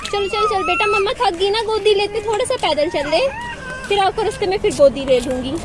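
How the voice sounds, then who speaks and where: A young mother gently coaxes and soothes her crying child, repeating short phrases, in a casual home vlog. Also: extremely high pitch, expressive, fairly quick, very noisy. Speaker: mother and vlogger.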